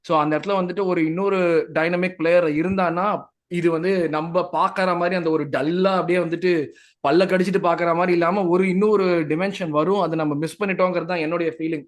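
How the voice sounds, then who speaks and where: Fast-talking man with a Tamil accent. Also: sits high, steady tone. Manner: fast talker, mixes English phrases into Tamil. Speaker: podcast co-host. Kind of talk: casual football chat.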